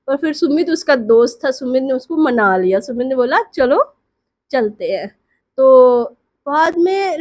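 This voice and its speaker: Woman, high voice, casual storyteller, chatty, checks in with listeners.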